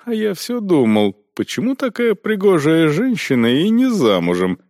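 A man's voice: fairly high pitch, huge pitch swings, normal speed, dry recording, studio quality, voice pushed up. Man doing a wry muttering soldier captain. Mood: wry, amused. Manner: quiet, wry. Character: amused soldier captain muttering behind the knight.

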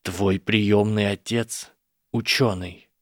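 A man voicing a proud boy wizard who is furious and shaken, shouting with his voice breaking from rage. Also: on the low side, fairly even intonation, slow, dry recording, clean studio sound. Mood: trembling anger. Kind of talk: audiobook character voice.

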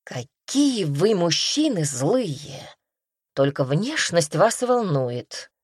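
A woman's voice: low-pitched, expressive, takes it slowly, a little mellow, no echo, studio quality, full character voice. Woman voicing a blunt tigress companion. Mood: scolding. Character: sharp-tongued female tigress companion.

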